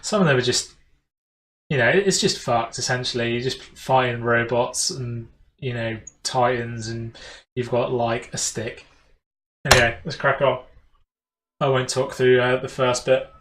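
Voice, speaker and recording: A man's voice: medium pitch, fairly even intonation, measured pace, a bit bright, far from the mic, slight background noise, rough recording. A man with a British accent giving casual, rambling, self-deprecating gameplay commentary as a let's play host. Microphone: home gaming voice-over mic.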